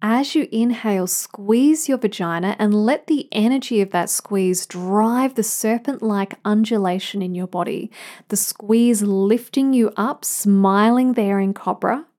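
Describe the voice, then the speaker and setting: A woman teaching yoga, giving soothing, measured instructions in phrases timed to the breath. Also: medium pitch, darkish tone. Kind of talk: guided yoga class instruction.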